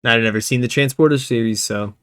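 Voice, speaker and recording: A man's voice: medium pitch, a little fast, clean tone, no echo, studio quality. A young man co-hosting a podcast in casual chat, laid-back, swearing and laughing often. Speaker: podcast co-host. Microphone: headset.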